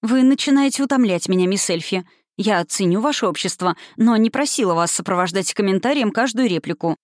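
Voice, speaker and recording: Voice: mid-range voice, expressive, fairly quick, no echo, studio quality, lightly acted. A reader voicing a prim, haughty young society woman in an audiobook. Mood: irritated. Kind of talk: audiobook reading.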